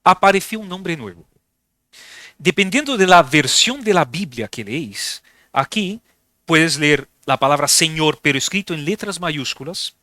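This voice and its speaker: In a church, a man delivers a teaching sermon, explaining a text step by step and regularly checking in with listeners to ask for their agreement. His fairly high voice is bright and forceful, with no room sound.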